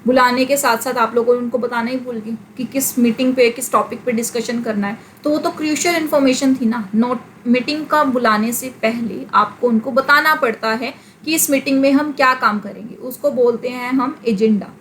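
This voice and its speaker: In a classroom lecture, a woman with a slightly high, fairly bright voice explains patiently at a moderate pace, using everyday examples and switching English terms into Hindi. The recording is low quality, with a faint hiss underneath.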